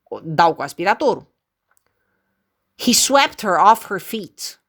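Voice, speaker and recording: A woman teaching English verbs in an online lesson. She slows down and speaks each English example very clearly, then explains it. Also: medium pitch, sing-song, a bit bright.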